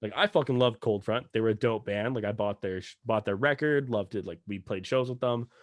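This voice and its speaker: A Canadian man in his thirties, a bassist guest talking in rambling, laid-back casual chat and swearing freely. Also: fairly quick, no room sound.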